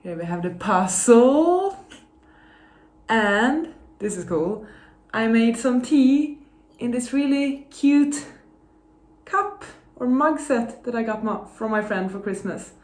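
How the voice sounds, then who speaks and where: A woman's voice: fairly high pitch, animated, slow, pauses often, darkish tone. Woman chatting casually in a rambling vlog. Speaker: reading vlogger.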